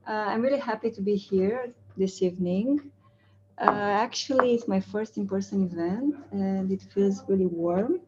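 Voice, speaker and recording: A woman's voice: medium pitch, moderate pace, lo-fi sound, noisy background. A young woman from Romania giving a casual talk at a community meetup, hesitant with many fillers and frequent laughs, recorded from a far camera in a large indoor room. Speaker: community speaker.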